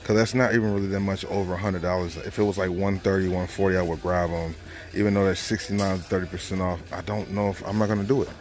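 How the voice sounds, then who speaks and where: Brief: low-voiced man in his thirties, casual chatty reseller vlog, store music playing behind. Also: little pitch movement, quick pace, a little mellow. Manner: casual, chatty, thinking aloud. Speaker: reselling vlogger. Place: large retail store, indoors. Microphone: handheld phone.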